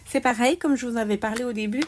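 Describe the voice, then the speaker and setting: A woman calmly explaining a card-making craft step by step, with little asides as she works. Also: fairly high pitch, slight background noise. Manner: slow, explaining each step aloud, small "hop" asides. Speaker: craft demonstrator.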